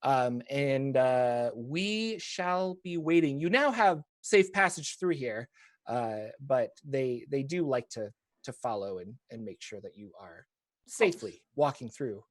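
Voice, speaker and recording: A man voicing a sly, scheming male rakshasa posing as a vampire, speaking in a courtly way with hesitant pauses. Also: medium pitch, lively intonation, dry recording, voice pushed down, natural voice. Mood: silky.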